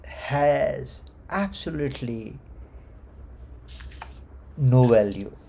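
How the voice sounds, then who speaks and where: A man's voice: medium pitch, expressive, drawn-out words, vocal fry. A man teaching a scripture class in a temple hall, explaining verses and chuckling often as he talks. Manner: chuckles often while explaining, with gentle emphasis.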